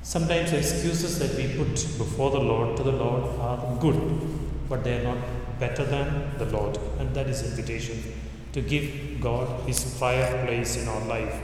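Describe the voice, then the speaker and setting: A male priest reading scripture and preaching at Mass in a solemn, measured liturgical way, his voice ringing with cathedral echo in a large church. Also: medium pitch, steady tone. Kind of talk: Gospel reading and sermon. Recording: cathedral echo, long reverb, faint noise.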